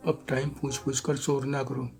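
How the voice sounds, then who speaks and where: A man's voice: mid-range voice, level tone, normal speed, gravelly, a little mellow, soft background music, lightly acted. A man reading an audio story, voicing a young man who is firm, reassuring and a bit impatient.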